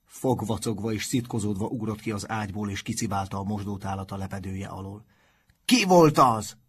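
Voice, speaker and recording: Male audiobook narrator, husky, lowish voice, calm steady reading. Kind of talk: scripted narration.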